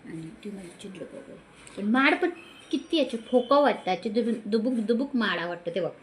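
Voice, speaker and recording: A woman's voice: mid-range voice, animated, brisk, slight background noise. Older woman grumbling at a cat. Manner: scolding, grumbling, often half under her breath. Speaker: grandmother scolding the cat. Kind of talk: casual home video chat.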